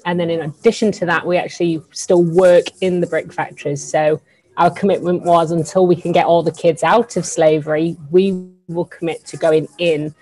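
A woman's voice: on the low side, little pitch movement, moderate pace, warm tone, poor audio. A woman with a northern English accent, a charity founder speaking as a podcast guest in an earnest, self-deprecating way. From northern England. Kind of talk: podcast interview.

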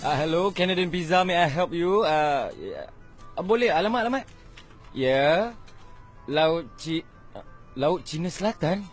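A man's voice: on the high side, lively intonation, unhurried, long pauses, soft background music. A man playing a scolding, boastful shop boss in a comedy sketch.

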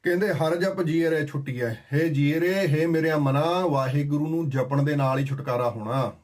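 A man giving a sermon that explains scripture. He chants verses slowly and then explains them in plain, conversational talk. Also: fairly high pitch. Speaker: Sikh scripture preacher.

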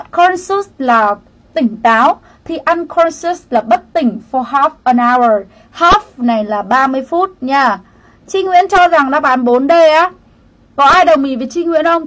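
Chatty high-voiced woman teaching English. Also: muffled recording. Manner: chatty, greets viewers by name, explains each answer option. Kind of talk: livestreamed English grammar lesson.

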